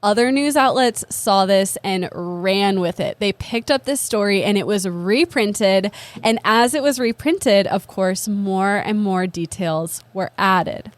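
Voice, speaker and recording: A young woman co-hosting a casual comedy history podcast. She talks in a chatty, self-deprecating way and fills her sentences with "like". Her voice sits at a middle pitch, and the sound is dry and close. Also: unhurried, no echo. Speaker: podcast co-host.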